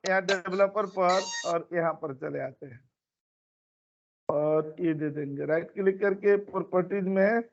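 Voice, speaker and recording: A male instructor with a high, gravelly voice talks an online class through each step, circling back over his own phrases. The sound is dull and lo-fi, like a meeting recording from a computer mic. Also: measured pace. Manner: explains step by step, repeats phrases. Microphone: computer mic on a video call.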